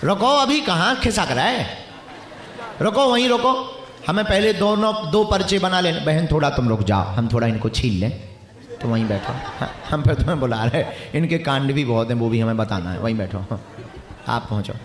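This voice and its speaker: A high-pitched man preaches to a packed crowd in a lilt. He teases and commands people in the audience playful banter, and his voice rings out through echoey stadium sound. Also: lively intonation, moderate pace, a little hiss or hum. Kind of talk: live religious gathering, addressing crowd and individuals.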